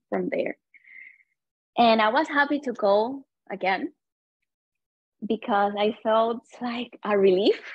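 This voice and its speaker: A Cuban woman in her 30s is the guest in a personal storytelling interview, speaking slowly and earnestly in halting non-native English full of fillers as she stops to search for words. Her voice is on the high side, and the recording is dry, a little dull, with no echo.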